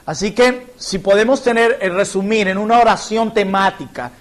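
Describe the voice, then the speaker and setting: A man's voice: high voice, normal speed. A man from Colombia, a pastor, teaching a church Bible class in an earnest, explanatory way and illustrating points with personal stories.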